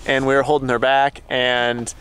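A man's voice: medium pitch, flat delivery, normal speed, fairly bright tone, clear, resonant tone. Young man vlogging from a desert trail. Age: young adult. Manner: easygoing, chatty, laughs between phrases. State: tired after a hike. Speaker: travel vlogger. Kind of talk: casual vlog talk to camera. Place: outdoors, desert trail and trailhead parking lot. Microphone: handheld camera at arm's length.

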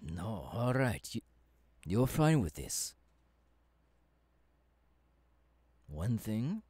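Eager, kindly male professor, played by a man, ASMR roleplay: lowish, husky voice, halting dramatic delivery. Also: sing-song, dark tone, no room sound, full character voice. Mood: helpful, attentive. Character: eager, kindly male futuristic professor mentoring a new apprentice. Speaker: voice actor, ASMR artist.

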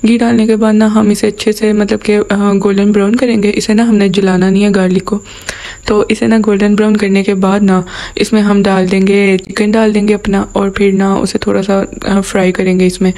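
A young woman, a cooking vlogger, chats casually over a home cooking voice-over, using lots of the filler "na" and giggling. Her voice is mellow, at a medium pitch with flat delivery and a moderate pace.

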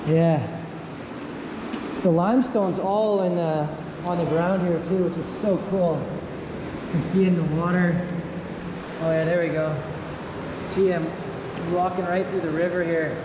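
A man's voice: high voice, fairly even intonation, a little slow, pauses often. A young man giving casual, awed handheld vlog commentary, exclaiming as he goes, with his voice echoing in a cave. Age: young adult. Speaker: vlogger. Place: inside a rock cave with running water. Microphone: handheld camera. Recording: muffled cave echo, loud water noise.

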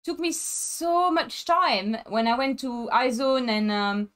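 A woman streaming a racing game, chatting casually with viewers in an excitable way. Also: sits high, slow pace, clean tone. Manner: chatty, excitable, frequent laughs and restarts. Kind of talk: casual live-stream chat while racing.

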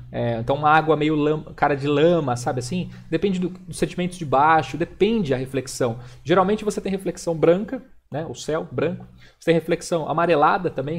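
Brazilian guy teaching digital painting live, chatty, kinda high voice. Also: slight background noise. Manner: casual and chatty, repeats "ó" while demonstrating. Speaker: digital illustration instructor. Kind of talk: live-stream painting tutorial.

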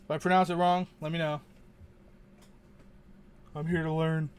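A man's voice: a little high, little pitch movement, moderate pace, smooth. A man hosting a casual unboxing video, rambling and muttering to himself, often unsure how to say things. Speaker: channel host opening card packs.

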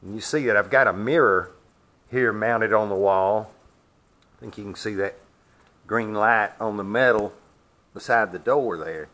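A man's voice: fairly low pitch, a little slow, long pauses, a bit bright. A man demonstrating his sawmill in a metal shed, explaining in a plainspoken, folksy way, sometimes walking away from the camera. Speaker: sawmill owner. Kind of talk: hands-on demonstration.

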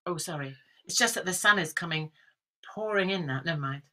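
A woman actress chatting on a video call, animated and enthusiastic. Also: on the low side, a little fast. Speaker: actress and Amnesty ambassador. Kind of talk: casual chat on a video call.

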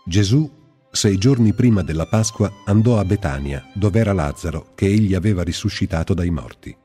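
A man giving a slow, measured, reverent scripture reading. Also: sits low, mellow, husky, soft background music. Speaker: Bible reader. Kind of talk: solemn scripted Bible reading. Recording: long hall reverb.

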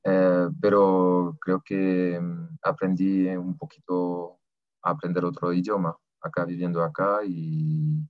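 A low-voiced young man, a native French speaker from southern France who is learning Spanish, is interviewed over a video call. He hesitates a lot, stopping repeatedly to search for words. His laptop webcam in a small room at home yields a dry recording with dull, lo-fi video call quality.

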